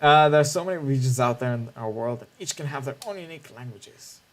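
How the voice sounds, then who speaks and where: Here is a cheery, joking language teacher from a video game, read out by a man in a playful lecturing way. The voice sits at an ordinary middle pitch, with an upbeat, classroom-friendly delivery. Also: fast talker, natural voice. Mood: cheerful. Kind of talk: reading game dialogue aloud.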